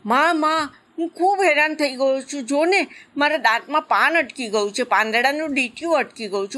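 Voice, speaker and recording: A woman's voice: sits high, pushed and bright, pitched above the performer's own voice. A woman voicing a fretful little boy crocodile cub in a storybook, pleading with his mother. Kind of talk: storybook narration.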